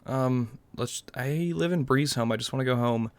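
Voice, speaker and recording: A young man, tired and up late, rambles through casual, subdued let's-play commentary as a gaming YouTuber. His pitch is medium and his speed normal.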